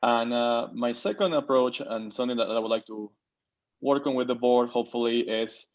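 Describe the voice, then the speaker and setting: This Peruvian board member, a man in his thirties, gives introductory remarks at a video-call board meeting with lo-fi sound. His mid-range voice is brisk, and he leans heavily on fillers and restarts.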